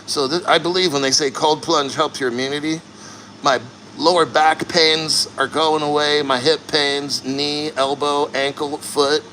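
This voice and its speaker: A man chatting casually and bluntly to livestream viewers, earnest and straining through the cold as he sits neck-deep in an ice plunge. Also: fairly even intonation, a little slow, pushed and bright, slight background noise, poor audio. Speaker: livestream host.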